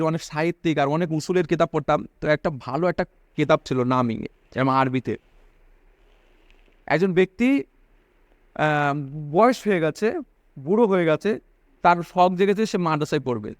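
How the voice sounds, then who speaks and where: High-voiced preacher man, dry close sound. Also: moderate pace, no room sound. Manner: repeats phrases for emphasis, asks listeners questions. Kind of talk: religious sermon to students.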